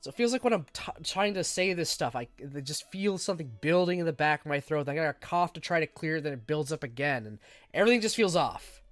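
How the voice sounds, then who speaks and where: A man streams games, talking fast in a fairly high voice as he rambles casually and jokes at his own expense, stuffy and still coughing. He considers his voice monotone, and soft background music plays with no room sound.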